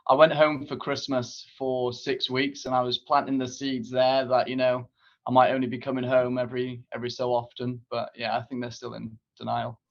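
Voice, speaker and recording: Flat-toned man. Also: medium pitch, moderate pace, vocal fry, lo-fi sound. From Wales. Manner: matter-of-fact, starts with um. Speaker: nurse guest. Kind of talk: casual interview.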